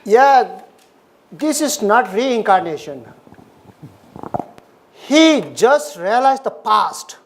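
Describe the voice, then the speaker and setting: A Buddhist lecturer speaks in a middle pitch. The talk comes in short, plain, repeated phrases, steady and earnest, like a dharma class. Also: very slow, pauses often, a little hiss or hum. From Nepal.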